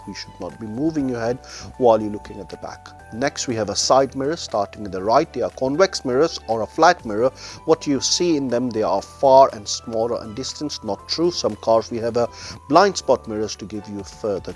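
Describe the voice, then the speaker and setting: A man in the role of driving instructor walks learners through each step in a formal, methodical way. His voice is mid-range, and his English phrasing is non-native.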